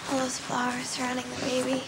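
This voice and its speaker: An actress as a consoling, soft-hearted woman in a TV soap. Her voice is high and quite even in melody, heard over loud ambient noise. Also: fast talker, close to an everyday voice. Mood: sorrowful, consoling. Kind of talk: naturalistic TV soap drama acting.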